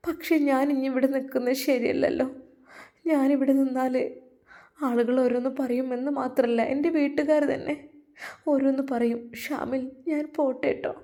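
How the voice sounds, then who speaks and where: A caring young woman speaks gently and apologetically in a storybook, voiced by a woman narrator. Her tone is mellow and soft, with a Malappuram Malayalam accent. She sounds considerate and modest. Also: high voice, little pitch movement, moderate pace, voice pushed up, natural voice. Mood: gentle apologetic. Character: kind caring young woman helping the household.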